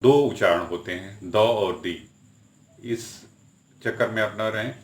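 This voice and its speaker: A man teaching English articles in Hindi, giving English example sentences and saying them slowly and deliberately. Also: fairly low pitch, echoey room. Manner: slow, deliberate spelling out of examples. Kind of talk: explaining grammar with Hindi examples.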